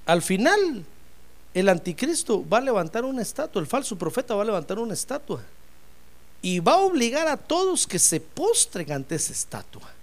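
High, animated fervent male preacher. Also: normal speed. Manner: fervent, addresses listeners as brother, acts out quoted voices. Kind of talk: sermon.

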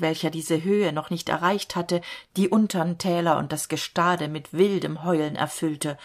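A woman narrating a fairy tale in a measured, solemn storytelling manner. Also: on the low side.

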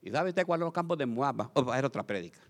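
A man from Honduras preaching a lively sermon as pastor, calling out to the congregation with joking asides. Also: mid-range voice, racing, long reverb tail.

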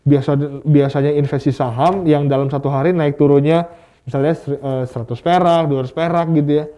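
As a guest expert on stock market investing in a casual interview, this man explains things with rhetorical questions and examples. His voice is a little high and dark in tone, steady and brisk.

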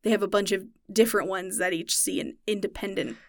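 A woman's voice: mid-range voice, fairly even intonation, a little fast, gravelly, dry recording. A young woman talks through insect facts on a casual podcast, knowledgeable and chatty. Her voice sits in a middling range and is recorded close and dry, with no room sound around it. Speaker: podcast co-host explaining science. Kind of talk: casual chat.

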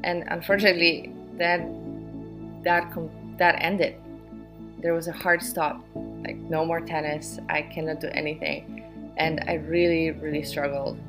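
A young woman, hosting a podcast and telling her own story in an earnest, halting way. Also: low-pitched, little pitch movement, music in the background. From Poland. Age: 20s. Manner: earnest, halting, with many pauses and fillers. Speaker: podcast host. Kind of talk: personal talk to listeners.

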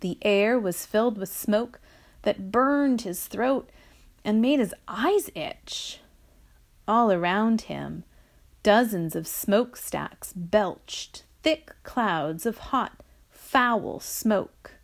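A woman reading a children's story aloud, with a slow, expressive delivery. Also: medium pitch, creaky.

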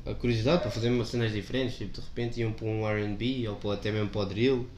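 A man's voice: on the low side, level tone, rapid-fire, a little mellow. A young man, hosting a casual interview in informal slang with easy swearing. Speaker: interviewer, host. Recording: echoey room with faint noise.

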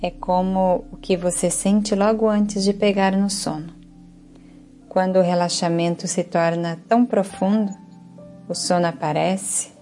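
The guided yoga nidra here comes from a female instructor with a Brazilian Portuguese accent and a mid-range voice. Her delivery is soothing, calm, and never rushed.

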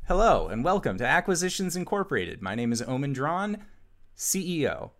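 A man's voice: a little high, very animated, normal speed, a bit bright, voice pushed up. A man voicing an exasperated male company boss, speaking with formal, pointed customer-service politeness. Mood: polished cheer.

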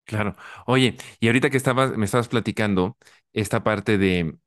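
A man with a Mexican accent hosting a casual chat, reflecting back what his guest said with halting restarts. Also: on the low side. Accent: Mexican Spanish. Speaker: host.

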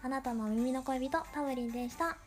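A woman's voice: sits high, brisk, darkish tone, faint music behind. A woman podcast host with a cute, girlish anime-style voice, talking casually and rambling in a playful, self-deprecating way. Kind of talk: casual solo podcast talk.

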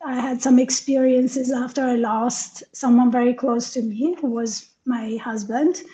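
A woman's voice: fairly high pitch, steady tone, unhurried, dark tone. A woman raised in Italy, co-hosting a casual talk show and speaking earnestly and reflectively. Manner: earnest, reflective, laughs easily. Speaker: co-host, life coach. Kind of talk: casual podcast chat. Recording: dull lo-fi sound.

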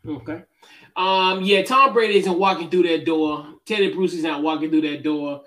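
A high-voiced man hosts a casual sports picks chat. He talks in a loose, easygoing way, full of fillers and restarts. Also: moderate pace, fairly bright tone. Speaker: podcast host.

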